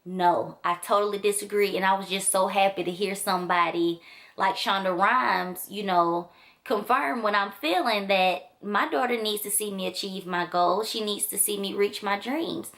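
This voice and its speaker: A woman's voice: medium pitch, steady tone, normal speed, a bit bright. A woman chatting casually and enthusiastically to her camera as she reviews a book, with loose filler-heavy talk. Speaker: book vlogger. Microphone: camera mic.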